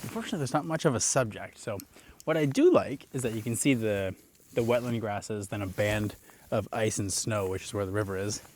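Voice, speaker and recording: A man's voice: fairly low pitch, a little fast, slight background noise. A young adult man, a landscape photographer, casually talking to camera while out walking in snowy woods. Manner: relaxed, musing, talks while walking. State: out of breath. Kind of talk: casual vlog narration on location.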